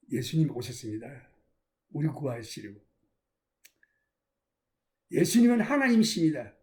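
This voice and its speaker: A male pastor preaching a sermon in a dramatic storytelling manner, swinging between loud emphasis and hushed lines. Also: fairly high pitch.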